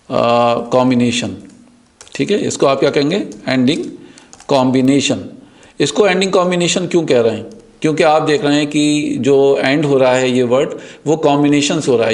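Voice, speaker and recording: Brief: male teacher, patient, repeats terms slowly, mid-pitched voice. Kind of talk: grammar lesson.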